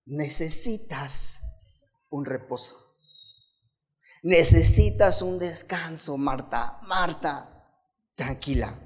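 A man voicing a calm, gentle figure who speaks softly and soothingly. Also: slow pace, long pauses, faint music behind. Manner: soft, soothing, lowered.

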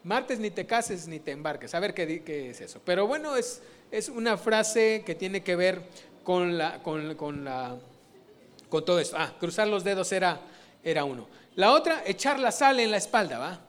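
Male preacher, high voice, chatty sermon delivery, constant rhetorical asides. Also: expressive, normal speed, a bit bright. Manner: conversational, rhetorical questions to the congregation. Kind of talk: informal sermon teaching.

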